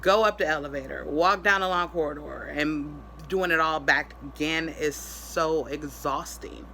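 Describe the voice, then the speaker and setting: A woman speaking casually in a vlog update, sounding weary and drained, in pain after surgery, with halting delivery. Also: deep voice, sharp tone, slight background noise. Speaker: vlogger.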